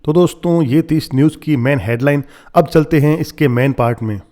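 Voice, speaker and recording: Man, English teacher, explains in Hindi, mellow tone, reads English phrases slowly. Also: a little high. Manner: slow deliberate reading of English phrases, then explaining. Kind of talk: explaining newspaper vocabulary in Hindi.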